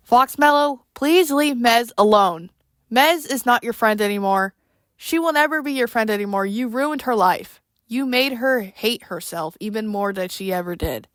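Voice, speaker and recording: A woman in a casual, unscripted rant to viewers, speaking in a weary, exasperated and halting way. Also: on the high side, a bit bright, no echo, studio quality. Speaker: online creator addressing viewers.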